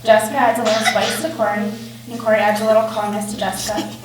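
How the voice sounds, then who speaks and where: A woman's voice: fairly high pitch, flat delivery, quick pace. A young woman giving a sincere, affectionate prepared wedding toast, as the sister of the bride. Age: young adult. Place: large echoey indoor reception room, mic far away. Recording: very echoey, distant, noisy event hall.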